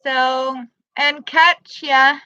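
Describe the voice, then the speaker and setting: A Danish woman in her fifties, a non-native English speaker, chatting on a live crafting stream in halting, simple English and greeting viewers by name. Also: sits high, steady tone, sharp tone, no room sound, lo-fi sound. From Denmark. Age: 50s. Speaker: livestream crafter.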